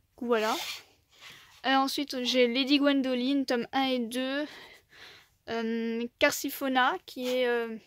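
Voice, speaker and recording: A woman's voice: high voice, a bit bright, a little hiss or hum. A young woman casually showing her manga collection, chatting with many fillers and small laughs.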